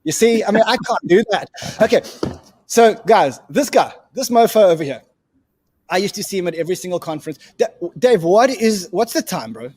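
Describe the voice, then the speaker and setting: A man's voice: high voice, lively intonation, brisk, darkish tone, husky. A man hosting a casual livestream interview, joking and bantering with his guest.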